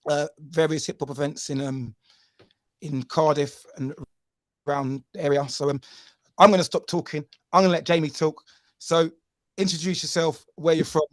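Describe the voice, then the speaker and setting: A man hosts a relaxed podcast chat, his voice sitting a little high for a man. He rambles warmly through fillers and keeps checking in with his listener. The recording is close and dry, with no room sound. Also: no echo. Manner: chatty, filler-heavy, keeps asking "you know what I mean". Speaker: podcast host. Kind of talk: casual podcast interview.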